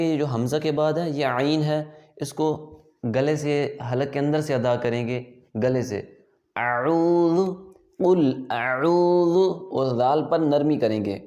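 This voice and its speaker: Mellow-voiced man teaching recitation. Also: a little high, steady tone, roomy sound, muffled recording. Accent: Pakistani Urdu. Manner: slow drawn-out recitation for students to repeat; explains pronunciation patiently between recitations. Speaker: Quran teacher. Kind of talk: online recitation lesson.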